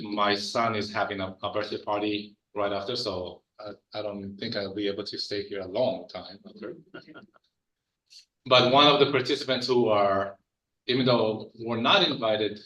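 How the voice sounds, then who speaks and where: A man's voice: fairly low pitch, pushed and bright. A man in his forties from Israel, speaking on a panel in an earnest, personal way with frequent restarts. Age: 40s. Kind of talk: panel talk. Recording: echoey hall from far off.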